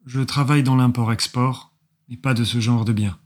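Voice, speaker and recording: A man's voice: mid-range voice, steady tone, normal speed, close to an everyday voice. A man doing a reserved, courteous businessman. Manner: formal and courteous. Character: courteous middle-aged Japanese businessman, reserved.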